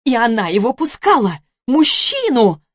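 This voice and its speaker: Женщина-чтец озвучивает вспыльчивую бывшую жену средних лет, которая громко и обвиняюще кричит. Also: female voice, fairly high pitch, sing-song, moderate pace, no echo, clean studio sound, pitched above the performer's own voice. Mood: scornful. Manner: heated, accusing, shouting. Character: furious shrill ex-wife, middle-aged woman. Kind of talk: audiobook character voice.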